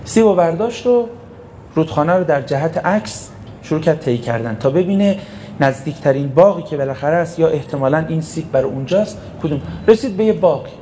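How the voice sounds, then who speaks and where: A man's voice: on the high side, lively intonation, dark tone, a little hiss or hum. A man preaching a sermon, emphatic, asking rhetorical questions and answering them himself. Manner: storytelling preacher who acts out short quotes. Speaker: cleric preacher.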